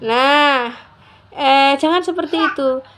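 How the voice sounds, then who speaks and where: A woman's voice: high-pitched, slow pace, a bit bright. A woman giving a casual religious parenting talk to mothers, chatty and often tagging her sentences. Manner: chatty, addresses listeners as mothers, frequent "gitu ya". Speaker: Islamic parenting teacher.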